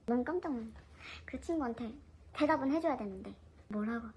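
Woman, 20s, higher voice, animated storyteller for a casual storytime vlog. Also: a little fast, breathy edge, rough recording. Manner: chatty, animated retelling of her own story.

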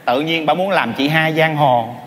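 An actor playing a stammering, flattering fortune teller in a stage comedy sketch. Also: male voice, fairly high pitch, moderate pace, slight background noise, lightly acted. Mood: playful. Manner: stammering, fawning, playful. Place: large theater stage. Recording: reverberant stage with faint ambience.

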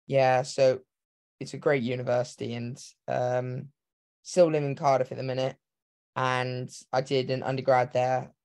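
A man's voice: mid-range voice, little pitch movement, a little slow, darkish tone, clean tone. A man in his twenties who grew up in Hong Kong, a runner speaking on a video call, eager and rambling. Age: 20s. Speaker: guest, professional runner. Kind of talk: casual interview. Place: home room. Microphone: video call webcam.

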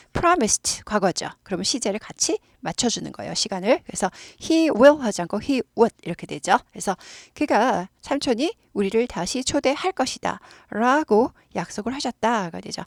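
A woman's voice: on the high side, no room sound, clean studio sound. A woman teaching English grammar in Korean, explaining patiently and repeating phrases again and again for students to copy. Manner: patient, repeats words many times for practice. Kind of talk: explaining grammar and leading repeat-after-me drills.

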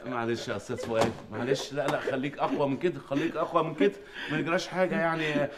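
A man's voice: on the high side, fairly even intonation, racing, over a noisy crowd, lightly acted. An Egyptian man playing a harried middle-aged husband who runs a shop, talking in a jokey, flustered way. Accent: Egyptian Arabic. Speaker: shop owner in a sitcom. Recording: sitcom audio with studio audience laughter. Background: audience laughter.

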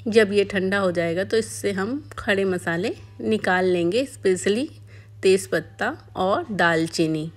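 A woman calmly narrating a home cooking tutorial step by step as a voice-over. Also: medium pitch, a little slow, faint music behind. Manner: calm step-by-step explaining. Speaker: cooking channel host.

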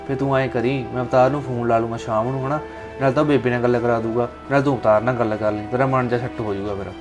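A young man plays a Punjabi husband who soothes his upset wife. He talks fast and reassuringly, with music running under his lines. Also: medium pitch, fairly even intonation, close to an everyday voice. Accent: Indian Punjabi. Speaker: husband in a family drama. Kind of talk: village web drama acting. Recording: background music under dialogue.

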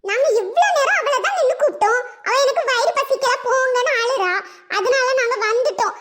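A woman's voice: very high-pitched, fairly quick. A woman doing a chatty Tirunelveli schoolgirl. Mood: comforting. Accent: Tirunelveli Tamil. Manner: lively, comforting slang. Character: chatty kind schoolgirl friend. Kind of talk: cartoon voice acting.

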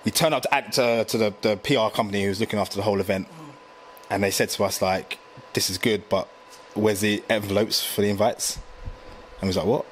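A man, telling stories in a slangy, animated casual chat full of fillers. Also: fairly low pitch, fairly quick, slight background noise. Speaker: graphic designer guest.

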